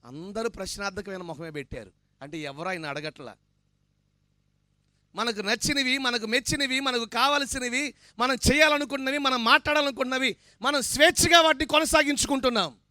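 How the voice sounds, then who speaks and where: A man's voice: very high-pitched, fairly quick, dry recording, clean studio sound. A man preaching a sermon with fervent emphasis, asking the congregation to answer back. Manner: fervent, emphatic preaching that swells to loud declarations; asks the congregation for responses.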